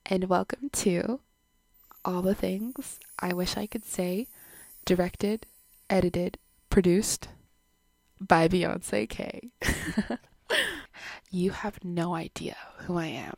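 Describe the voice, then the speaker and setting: Recorded dry at home on her own mic, this podcast host is a woman in her twenties from Canada with a mid-range, gravelly, slightly mellow voice. Her casual chat is chatty, full of giggles, and self-deprecating.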